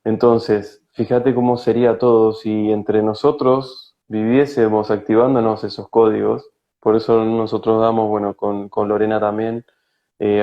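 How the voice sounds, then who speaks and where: A man with a Rioplatense Argentine accent speaks in a low, gravelly voice that stays flat and unhurried. He pauses and restarts often as he reflects in an interview. The sound is muffled, lo-fi video-call audio. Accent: Rioplatense Spanish. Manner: slow, searching, with frequent hesitations. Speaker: spiritual guide, guest.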